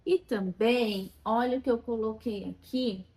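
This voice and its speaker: A Brazilian Portuguese–speaking child development educator explains how to use a children's learning game in a phone recording. Her voice is a little high and a little slow, animated, and she sometimes models questions as if talking to a child.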